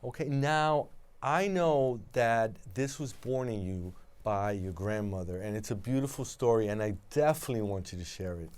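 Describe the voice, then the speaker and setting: Smooth-voiced man hosting a talk show. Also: lowish voice, moderate pace, darkish tone. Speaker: host.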